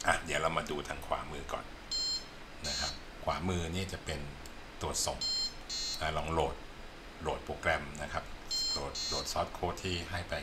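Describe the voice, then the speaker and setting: Deep-voiced man teaching code over noise. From Thailand. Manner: unhurried, explains step by step, asks "see?" often. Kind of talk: screen-recorded coding tutorial. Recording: loud background noise.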